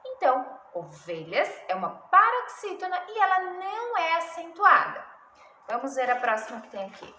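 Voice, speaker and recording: A woman teacher reading a story and explaining a grammar lesson, talking slowly with many questions to her pupils. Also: extremely high pitch, big pitch swings, sharp tone. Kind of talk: recorded remote class lesson, story reading. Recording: echoey room with faint background noise.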